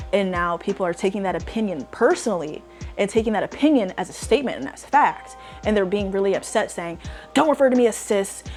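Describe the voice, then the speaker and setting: With a mid-range, slightly mellow voice, a young woman rants as a casual online commentator. She's exasperated and emphatic, and "like" keeps popping up in her speech.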